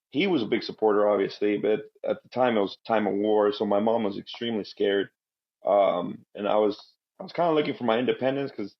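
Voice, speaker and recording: A man's voice: fairly low pitch, highs cut off. A man in his thirties, raised in Southern California, a podcast guest telling stories in a laid-back, rambling way. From Guatemala, raised in Southern California. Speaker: podcast guest, Marine veteran. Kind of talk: casual interview storytelling.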